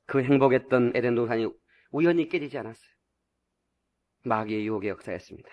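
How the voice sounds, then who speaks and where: Preaching with fervor, this male pastor moves between quiet asides and loud, shouted peaks, frequently chuckling as he makes his points. His pitch is medium, he speaks fast, and the sound is lo-fi.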